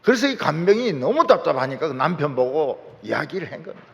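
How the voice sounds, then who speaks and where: A man preaching a sermon as pastor, fervent and at times shouting out his lines. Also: a little high, very animated, a little fast, creaky, dull audio. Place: large church sanctuary. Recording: church hall with long reverb.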